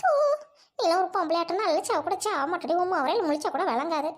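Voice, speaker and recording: A woman voicing a foul-mouthed, scolding old mother-in-law in a family drama. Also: quick pace. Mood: spiteful. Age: older. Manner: shrill, scolding, cackling insults. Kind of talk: family radio-play acting.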